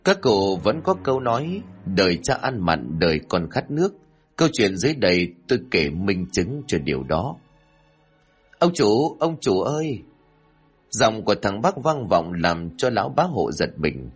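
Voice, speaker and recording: A man narrating a folk story for an audiobook, measured and expressive. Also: low voice, breathy edge, faint music behind.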